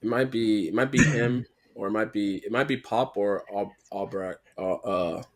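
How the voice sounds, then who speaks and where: A man's voice: on the low side, normal speed. A man co-hosting a casual sports trivia podcast, bantering and joking with the others. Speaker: podcast co-host.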